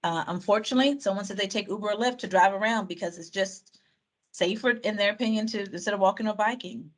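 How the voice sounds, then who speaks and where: A woman facilitating a community video call reads out participants' answers and sums them up, chatting along with fillers and restarts. She talks fast in a mid-range voice.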